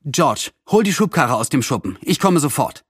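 A man voicing a brisk, practical and caring mother in a storybook reading, a little reproachful. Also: on the high side, sing-song, husky, dry recording, clean studio sound.

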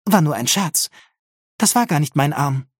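A man voicing Schwester Grob, a female nurse robot who speaks in a flat, toneless deadpan, in an audiobook. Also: a little high, normal speed, husky, no echo, studio quality.

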